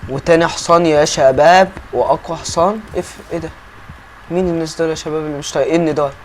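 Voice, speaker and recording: A man's voice: on the high side, steady tone, fast, slight background noise. A young man with an Egyptian accent chatting through gameplay commentary, calling out to his viewers all the time. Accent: Egyptian Arabic. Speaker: gaming YouTuber.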